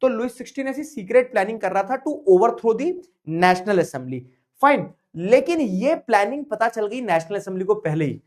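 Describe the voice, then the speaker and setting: A man teaching an online history class in a playful way, mixing Hindi with English terms and slowly repeating key phrases. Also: high-pitched, expressive, a little mellow.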